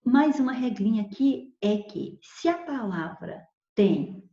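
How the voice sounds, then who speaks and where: A woman's voice: a little high, expressive, takes it slowly, dark tone. A woman teacher explaining spelling rules patiently, repeating examples and checking in with "ok?". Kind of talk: recorded grammar lesson. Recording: echoey room, dull lo-fi sound.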